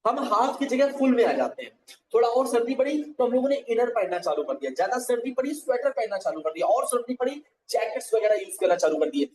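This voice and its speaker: A man's voice: very high voice, sing-song, quick pace, far from the mic, a crowd in the background. A man giving a live farming training, explaining step by step and checking often that viewers follow. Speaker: agriculture trainer. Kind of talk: live online teaching session. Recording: echoey room, voice set back from the mic.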